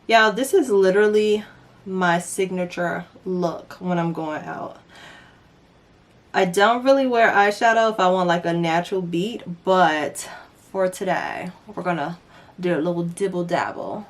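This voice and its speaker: A woman's voice: fairly low pitch, unhurried. A young woman talking through a makeup tutorial in a casual, chatty way, with playful asides to her viewers. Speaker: beauty vlogger.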